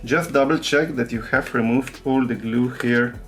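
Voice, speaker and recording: A man with a thick foreign accent, a non-native English speaker, narrating a hands-on tutorial in simple, halting phrases as he searches for words. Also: medium pitch, faint music behind. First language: not English. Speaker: repair tutorial host.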